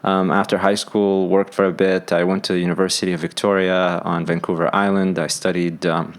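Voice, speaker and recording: A man in his thirties, born in Saudi Arabia and raised there, in Sudan and in Canada, telling his story at length with relaxed fillers as an interview guest over a call. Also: deep voice, fairly quick. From born in Saudi Arabia, raised there and in Sudan, then Canada. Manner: relaxed, many fillers, long storytelling answers. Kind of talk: casual interview talk. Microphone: phone or online call.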